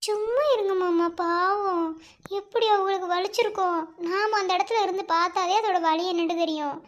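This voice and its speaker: A woman with a Madurai Tamil accent voicing young village women in an animated family cartoon, scolding in quick slang. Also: very high voice. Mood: tearful.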